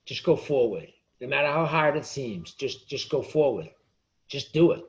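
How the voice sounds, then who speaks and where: A man's voice: medium pitch, expressive, moderate pace, dull audio. A male author, a guest on an interview podcast, speaking passionately and often repeating words as he argues. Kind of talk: casual interview chat.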